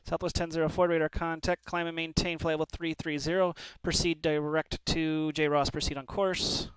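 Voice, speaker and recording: A man's voice: fairly high pitch, flat delivery, normal speed, rough recording. A man working as an air traffic controller, giving procedural, clipped radio instructions with courteous sign-offs. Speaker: air traffic controller on a flight-simulation network.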